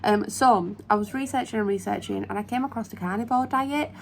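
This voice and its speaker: This casual to-camera chat comes from a young British woman at home, recorded on a phone she holds at arm's length. Her medium-pitched voice moves fairly quickly with some vocal fry and lots of ums. A little hiss or hum sits under the phone-video sound.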